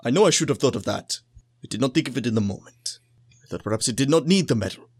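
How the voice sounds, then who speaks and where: A man's voice: mid-range voice, expressive, fast, a little mellow, slightly rough, no room sound. Man as brooding long-eared game stranger, curt, formal, commanding, dry sound. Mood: defensive brooding.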